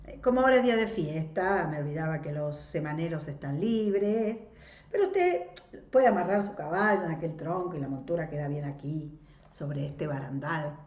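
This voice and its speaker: A woman's voice: on the low side, lively intonation, moderate pace, natural voice. Female reader voicing a cautious, paternal old landowner, muffled echoey recording. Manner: paternal, falsely jovial, cautious. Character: older landowner man, paternal and awkward.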